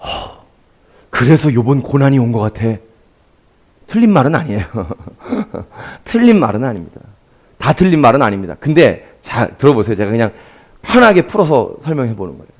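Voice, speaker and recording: A man's voice: medium pitch, big pitch swings, moderate pace, a little mellow. A man preaching a Sunday sermon as pastor, speaking directly to his congregation.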